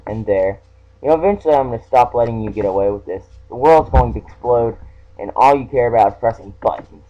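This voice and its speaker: Reading on-screen text with teasing playfulness and the odd mock-sinister flourish, this let's play gamer speaks fairly quickly in a mid-range male voice. He sounds casual as he plays. The home recording is dull and lo-fi.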